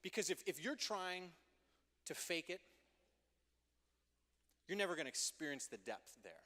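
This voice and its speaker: A man's voice: a little high, moderate pace. Playful youth pastor man, echoing hall. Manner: energetic, playful asides to teens. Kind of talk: youth group sermon. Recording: long hall reverb.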